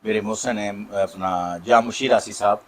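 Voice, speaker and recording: A middle-aged actor with a Saraiki accent, answering interview questions in a warm, grateful way with many pauses. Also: male voice, lowish voice, fairly even intonation. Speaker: Saraiki drama and film actor.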